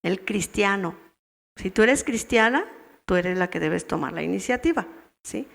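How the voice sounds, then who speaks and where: This woman, who has a Mexican Spanish accent, has a medium-pitched voice with lively intonation and some vocal fry, delivered at a normal pace. She's leading a women's church gathering, repeatedly questioning the audience and playing the part of wives answering. The church gives the audio a long, hall-like reverb.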